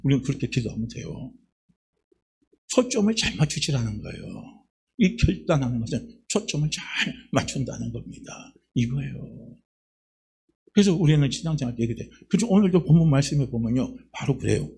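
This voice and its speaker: Gravelly-voiced man preaching a sermon. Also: medium pitch, moderate pace. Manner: lively, talks straight to the congregation with rhetorical questions. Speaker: pastor. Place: church sanctuary.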